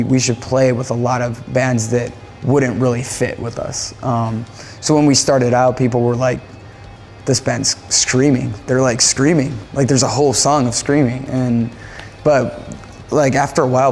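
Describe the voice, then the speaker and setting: A man's voice: medium pitch, a little mellow. A man from Japan, a band musician, talking casually in an interview in a rambling way, often repeating phrases and restarting.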